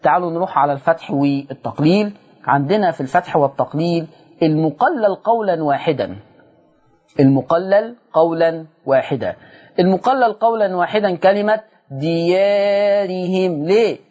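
On a broadcast lesson, a man with an Egyptian Arabic accent teaches Quran recitation, explaining the rules briskly and drawing out example words slowly. His voice is high, animated and darkish in tone, and the audio has its highs cut off.

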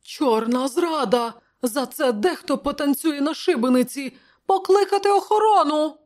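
A woman voicing a fussy, plump old male royal adviser in a high, flustered voice. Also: normal speed, a little mellow, close to an everyday voice. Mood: outraged. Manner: shrill, flustered.

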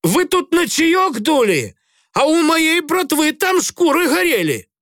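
A man voicing a drunk, insolent sailor who jeers, shouts and swears coarsely. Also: high-pitched, sing-song, takes it slowly, no echo, studio quality, voice pushed up, full character voice. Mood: angry shouting.

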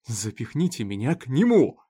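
A man voicing an enraged grieving farmer who shouts in fury, in a read-aloud story. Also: a little high, big pitch swings, moderate pace, voice pushed up. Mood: furious. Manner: shouting, furious.

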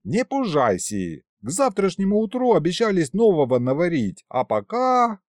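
A man's voice: high voice, huge pitch swings, moderate pace, dry recording, clean studio sound, voice pushed up. A man voicing a fussy old grandfather in an audiobook, folksy and grumbling. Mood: reassuring. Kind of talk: audiobook character voice.

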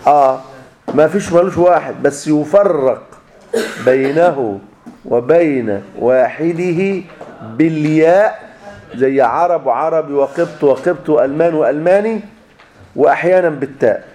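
A man's voice: on the high side, moderate pace, mellow. A man with an Egyptian accent teaching a grammar class, repeating each rule as a question and answering it himself. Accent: Egyptian Arabic. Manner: drills students with repeated fill-in questions, then answers himself. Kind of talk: classroom lecture. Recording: echoey room.

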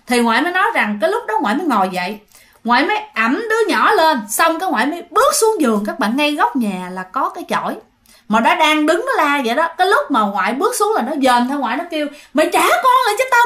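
A woman's voice: a little high, fairly bright tone. Chatty Southern Vietnamese woman telling ghost stories. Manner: chatty, addresses listeners directly, frequent filler 'hả'. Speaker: ghost story narrator. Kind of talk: casual spoken ghost-story telling.

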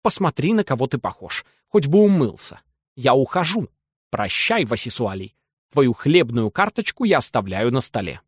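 A man voicing a cool, dismissive young wife walking out on her husband, answering curtly and calmly. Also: mid-range voice, normal speed, husky, no echo, studio quality. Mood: irritated. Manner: curt and calm, at times irritated.

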